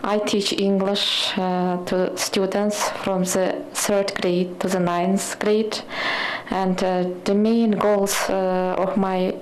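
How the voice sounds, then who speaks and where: A woman introduces herself in a slow, flat voice, pausing often to search for words. She speaks as an English teacher addressing a formal gathering, and faint ambient noise sits behind her. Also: mid-range voice, low-quality recording. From Kyrgyzstan.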